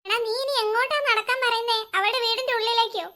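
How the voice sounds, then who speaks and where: A woman's voice: very high-pitched, steady tone, fast talker, pushed and bright. A woman voicing a teasing young male sidekick in a cartoon, doubtful of his friend's plans. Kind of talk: cartoon voice acting.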